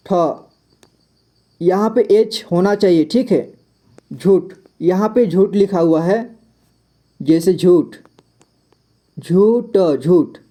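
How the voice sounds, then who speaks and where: A man teaching a reading lesson in a patient, casual way, repeating words slowly and spelling them out letter by letter, with a frequent "okay" between steps. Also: high voice, dark tone. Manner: fills gaps with a frequent 'okay'.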